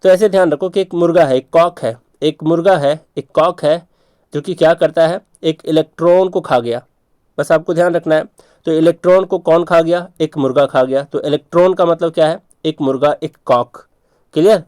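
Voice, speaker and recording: A man's voice: a little high, steady tone, moderate pace, a little mellow, clean tone, no echo. Man teaching vocabulary, dry close sound. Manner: repetitive, checks in often with rhetorical questions. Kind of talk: exam vocabulary lesson.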